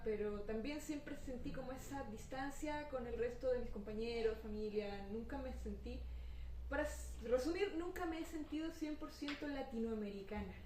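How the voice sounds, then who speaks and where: A woman from Bolivia, a writer on a panel, speaking thoughtfully and reflectively with halting restarts. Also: fairly high pitch, dark tone, a little hiss or hum. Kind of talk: reflective personal discussion. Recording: roomy echo, distant mic, faint ambience.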